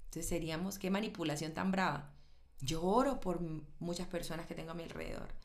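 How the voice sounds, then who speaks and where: A woman's voice: on the low side, a little fast. A woman preaching a sermon, building emphasis through repeated phrases and asking and answering her own questions.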